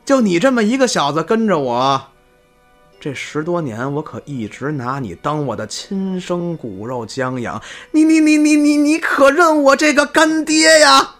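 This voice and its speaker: A male storyteller puts on a frail, dying old man whose voice climbs well above the narration and trembles as he pleads. He stammers and breathes heavily with feeling, soft at one moment and straining upward the next. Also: high-pitched, lively intonation, measured pace, soft background music, voice pushed up, exaggerated voice. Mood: pleading. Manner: quavering, stammering, breathy with emotion. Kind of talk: storytelling podcast.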